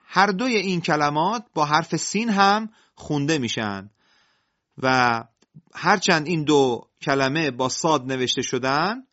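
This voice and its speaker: A man's voice: on the high side, animated, fairly bright tone, dull audio. A man teaching Quran recitation rules, going through numbered points one by one in a careful explanatory lecture. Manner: methodical, enumerating points one by one.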